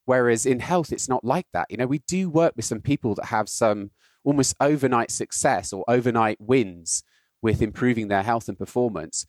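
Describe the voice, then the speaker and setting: A man's voice: mid-range voice, moderate pace, a little mellow, no room sound. British man explaining health data, dry sound. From Britain. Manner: explanatory, builds points with rhetorical "right?". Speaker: guest, health data scientist. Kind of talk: casual podcast conversation.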